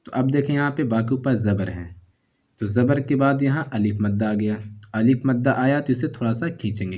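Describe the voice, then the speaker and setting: A man teaching Quran reading one step at a time, with a dark, mellow tone. He talks patiently and keeps repeating short sounds and stretched syllables. He often checks in with a quick "okay" before going on. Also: mid-range voice.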